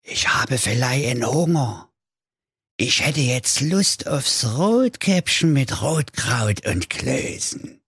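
A man voicing the big bad wolf of a fairy tale in a high, whiny voice, with a Saxon accent. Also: expressive, slow pace, fairly bright tone, husky, no echo, clean studio sound, exaggerated voice. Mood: greedy. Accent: Saxon German. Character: big bad male wolf, greedy then frightened.

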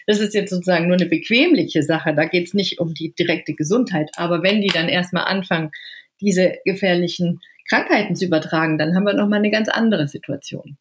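Eine Frau, Buchautorin, die per Videoschalte lebhaft und anschaulich im Interview erzählt. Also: female voice, lowish voice, brisk. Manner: lively, vivid storytelling. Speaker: book author and guest. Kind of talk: storytelling in an interview. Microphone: remote video call.

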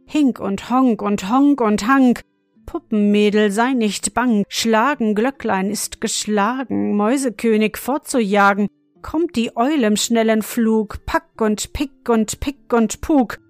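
A woman voicing an odd old godfather and clockmaker, who chants a rasping, monotone clock song and speaks gruffly. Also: fairly high pitch, no room sound. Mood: chanting. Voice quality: rasping, monotone when singing.

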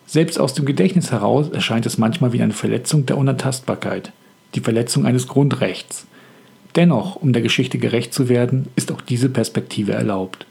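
A man hosts a scripted podcast on writing, and his voice is deeply husky with a rough, gravelly texture. He speaks in a calm, reflective and measured way, at a middle pitch. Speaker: author and podcast host.

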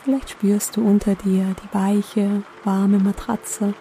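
A woman guiding a sleep meditation in a gentle, soothing, unhurried manner with long pauses. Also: mid-range voice, little pitch movement, slight background noise. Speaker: meditation guide, host.

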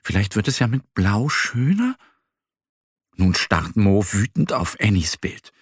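A man gently and expressively reading a children's story aloud. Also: lowish voice, sing-song, measured pace, slightly rough, no echo, studio quality. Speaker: narrator.

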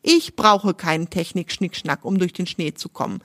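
A woman's voice: on the low side, normal speed, fairly bright tone, no room sound, clean studio sound. A woman doing a boastful male magic pony. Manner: cocky, self-assured.

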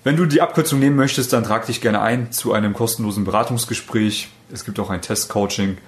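A man's voice: on the low side, fast. A man hosting a podcast as a dating coach, telling stories in a loose, rambling way with fillers and self-corrections. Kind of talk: casual podcast chat.

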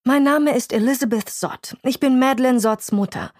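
A woman doing a sharp self-assured lady chemist, clipped, accusing, raised bright voice, dry sound, audiobook. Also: sits high, normal speed, dry recording, pitched above the performer's own voice. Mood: indignant.

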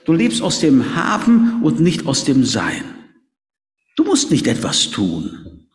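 A man's voice: fairly high pitch, wildly swooping pitch, slow pace, full character voice. A preacher quoting Jesus speaking earnestly to a rich man. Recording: echoey reverberant hall.

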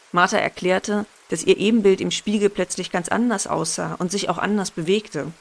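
A woman narrating a first-person horror story in a measured, suspenseful way. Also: on the low side, gravelly.

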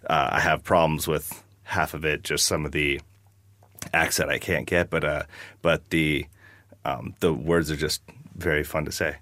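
A man's voice: very deep voice, steady tone, measured pace, fairly bright tone, no room sound. A man from the United States, chatting about his band in a rambling, jokey interview. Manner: rambling, jokey, lots of fillers. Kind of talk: casual interview chat.

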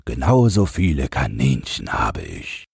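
A man voicing a kindly older man carrying a basket of rabbit feed, gentle and coaxing. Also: a bass voice, wildly swooping pitch, a little slow, gravelly, breathy edge, dry recording, studio quality, pitched below the performer's own voice, heavily acted. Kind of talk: audiobook character voice.

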